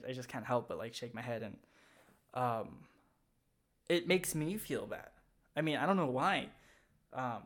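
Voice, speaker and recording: A young man talking in a casual chat, rambling and halting with many fillers. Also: mid-range voice.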